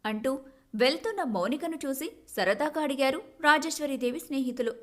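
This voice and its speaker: A woman storyteller giving scripted, expressive narration of a family story. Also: high voice, normal speed.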